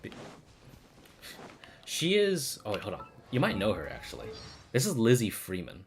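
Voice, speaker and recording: Animated, low-voiced man chatting casually. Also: normal speed, creaky, music in the background. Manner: animated, sweary. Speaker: streamer reviewing game voice dubs. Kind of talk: casual opinionated chat.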